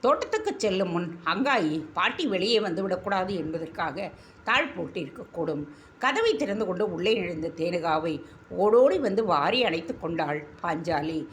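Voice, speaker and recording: A woman narrating a serialized story in an expressive, measured reading. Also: on the low side, slight background noise.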